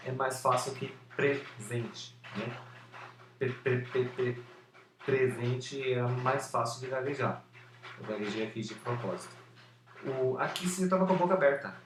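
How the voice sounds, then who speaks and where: A man talking to a camera about overcoming a stutter, slowly, with some repeated syllables and many fillers. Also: mid-range voice. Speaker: former stutterer sharing his method. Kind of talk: unscripted talk to camera. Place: indoor room with an open window and street noise. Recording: roomy, distant camera sound with faint background noise.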